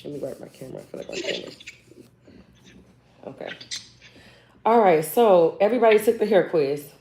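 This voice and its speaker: Woman hosting a chill zoom live, low voice, talks loose and easy. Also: brisk, a little hiss or hum. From Cleveland, Ohio. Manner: relaxed, chatty, loose Southern-style slang. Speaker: host of a live hair care consultation. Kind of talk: casual live stream chat. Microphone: video call.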